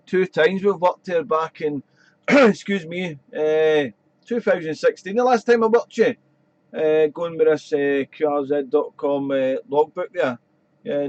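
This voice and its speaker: A man's voice: on the high side, darkish tone. A man working as an amateur radio operator on a live stream, chatting informally and repeating call signs. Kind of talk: casual ham radio chat and call-sign calling. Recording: dull, roomy streamed audio.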